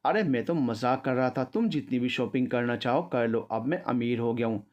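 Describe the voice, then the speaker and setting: A man's voice: mid-range voice, moderate pace, a little mellow, highs cut off, close to an everyday voice. A man voicing a young, newly rich boss who talks fondly and jokingly with his girlfriend. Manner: affectionate, joking.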